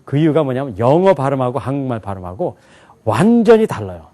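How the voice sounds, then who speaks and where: Male lecturer, lively rising and falling delivery, quizzes the room. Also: medium pitch, brisk. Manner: animated, asks the class questions and answers them himself. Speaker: English teacher. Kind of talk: lecture to a live class.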